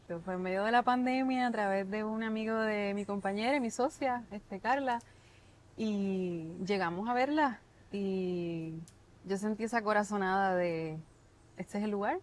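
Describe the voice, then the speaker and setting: A Puerto Rican chef in her thirties answers interview questions thoughtfully at a moderate pace, her medium-pitched voice carrying a Puerto Rican Spanish accent. She restarts often and uses many filler words, recorded with a lapel mic on an outdoor patio.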